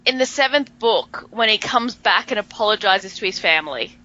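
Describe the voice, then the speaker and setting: A podcast co-host with a faint Southern American twang chats casually and argues playfully, stretching out words for emphasis. Her mid-range voice is expressive with a sharp edge. The recording is dull, lo-fi podcast audio.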